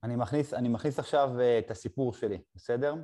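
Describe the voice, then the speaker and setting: A middle-aged man hosting a conversation and telling a personal story, haltingly, with short pauses. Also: mid-range voice, warm tone. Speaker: podcast host. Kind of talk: casual conversation.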